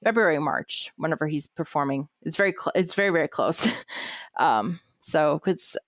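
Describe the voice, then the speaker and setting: A woman's voice: deep voice, animated, moderate pace, no echo, clean studio sound. A woman co-hosting a podcast, chatting casually about music with lots of fillers and restarts. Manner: rambling, many fillers and restarts. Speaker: podcast co-host. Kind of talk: casual music review chat.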